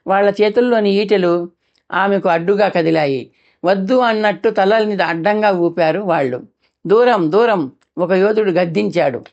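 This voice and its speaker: A woman narrating a novel as an audiobook reader, steady storytelling with small restarts. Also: medium pitch, lo-fi sound.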